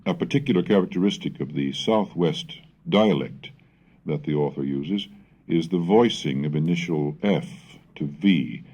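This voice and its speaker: A bass voice, darkish and breathy, narrates a scripted lesson on English language history from a lo-fi 1970s educational cassette. The reader stays scholarly and measured but turns dramatic when reciting Middle English texts.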